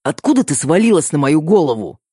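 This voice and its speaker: A man voicing a gruff, menacing man who speaks in clipped, barking orders. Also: medium pitch, expressive, normal speed, darkish tone, no room sound, studio quality, close to an everyday voice. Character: gruff menacing man, curt and weary boss.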